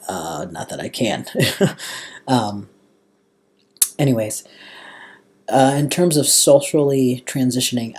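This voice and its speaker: A young American man speaks in a casual, personal vlog style. His mid-pitched voice carries a little huskiness, and his drawn-out phrasing has a clear valley girl lilt. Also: darkish tone. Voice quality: slightly husky. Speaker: vlogger.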